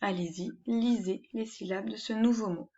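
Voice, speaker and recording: A woman teaching a reading lesson, sounding out syllables one at a time and giving clear instructions to young learners. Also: mid-range voice, steady tone, dark tone, highs cut off. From France. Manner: slow, syllable-by-syllable dictation.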